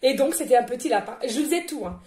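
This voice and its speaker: A woman's voice: high-pitched, animated, quick pace, a little mellow, echoey room. A woman medium giving a casual, rambling oracle card reading, chatting and laughing with her listeners as friends.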